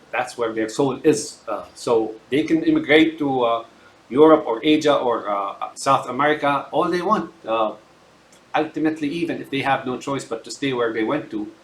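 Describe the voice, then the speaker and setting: Older Syrian-born man in his sixties, casual political rant, rambling with lots of uhs and "right?", mid-pitched, roomy echo. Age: 60s. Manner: rambling, heavy filler words, repeated tag questions. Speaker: political commentator.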